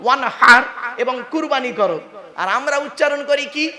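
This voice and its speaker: High, bright-voiced male preacher. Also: expressive, moderate pace, roomy sound. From West Bengal, India. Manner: calls on the crowd to answer, mixes in English words, jokes about mispronunciation. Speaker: Islamic preacher. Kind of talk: waz sermon to a crowd.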